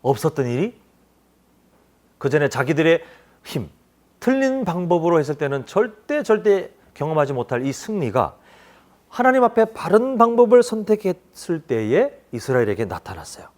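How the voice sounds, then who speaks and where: A man preaching a children's sermon, animated, often asking the children questions. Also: on the high side, normal speed. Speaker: children's pastor.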